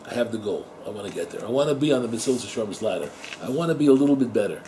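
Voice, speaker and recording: Rabbi in middle age, relaxed warm tone, chatty talk to students with Hebrew terms mixed in. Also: male voice, lowish voice, very fast, a little hiss or hum, rough recording. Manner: conversational, repeats words, asks the listeners rhetorical questions; mixes Hebrew and Yiddish terms into English. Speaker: rabbi teaching at a yeshiva. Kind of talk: informal Torah talk to students.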